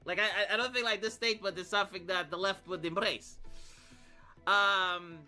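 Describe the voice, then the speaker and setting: With music playing behind him, a man reacts as a streamer in an offhand, combative, sardonic manner, tossing out rhetorical questions. His voice sits high and sounds sharp, holding a steady tone at a moderate pace.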